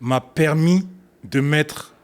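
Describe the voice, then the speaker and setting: A man's voice: a little high, slow pace. A young adult man, a guest who is a battle rapper and slam poet, telling his story in a casual interview and acting out the scenes he remembers. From Africa, grew up partly in Ethiopia. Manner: animated storyteller, acts out scenes, bursts of laughter.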